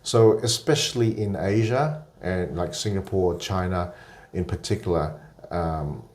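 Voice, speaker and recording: Deep-voiced male podcast guest. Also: unhurried. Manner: steady explaining with frequent filler sounds. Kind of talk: casual conversational interview.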